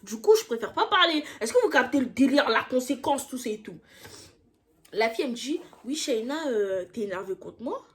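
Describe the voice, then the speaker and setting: A young woman telling a personal story in a casual, slangy way, getting heated and throwing in quick asides. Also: sits high, very animated.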